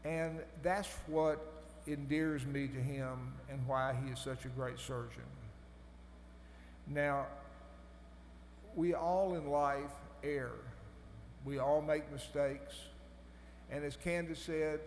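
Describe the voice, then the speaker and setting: A man giving a formal podium speech as a commencement speaker, deliberate and phrase by phrase, in a large hall. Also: medium pitch, fairly even intonation. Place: large hall over a PA system. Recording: echoey hall, humming background noise.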